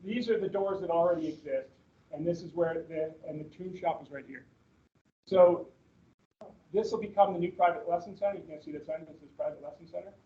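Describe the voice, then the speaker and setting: A man's voice: fairly high pitch, steady tone, brisk. Man presenting on a video call. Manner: casual and rambling, with many fillers and restarts. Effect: heard through a video-call meeting recording. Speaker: manager presenting at a staff orientation. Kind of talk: presenting slides at a meeting. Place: meeting room with people present. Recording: dull lo-fi meeting-call audio.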